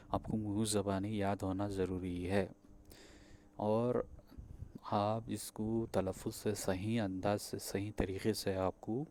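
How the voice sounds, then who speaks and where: A man's voice: fairly low pitch, a little mellow, slight background noise. A man with a Pakistani Urdu accent, a spiritual practitioner, teaching viewers a ritual step by step, repeating points and checking in often, with some hesitant fillers. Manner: repeats steps, checks in with "theek hai". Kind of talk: spoken instruction to viewers.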